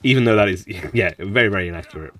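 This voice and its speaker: Male gaming streamer, low voice, chatty and rambling, slightly distant mic. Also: expressive, fast, pushed and bright. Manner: rambling, chatty, laughs often. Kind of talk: casual gameplay commentary.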